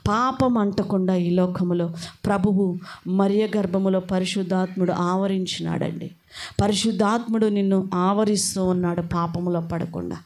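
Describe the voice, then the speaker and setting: A woman's voice: mid-range voice, steady tone, moderate pace, darkish tone. A woman with a Telugu accent preaching a fervent, urgent sermon that rises in exhortation.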